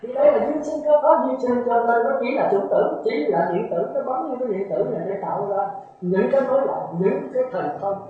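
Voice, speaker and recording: A man's voice: very high-pitched, expressive, fairly quick, few pauses. A man, a Buddhist monk giving a dharma talk who keeps checking that his listeners follow. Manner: lecturing, repeats rhetorical checks to listeners. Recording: heavily echoey, tinny phone-like sound.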